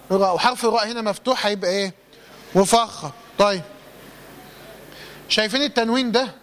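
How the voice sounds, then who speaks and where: A man with an Egyptian accent teaching Quran recitation rules, asking his students questions and answering them himself, and slowing down to recite examples in a drawn-out voice. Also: high-pitched, fairly bright tone, long reverb tail. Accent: Egyptian Arabic. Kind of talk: tajweed lesson with recited examples.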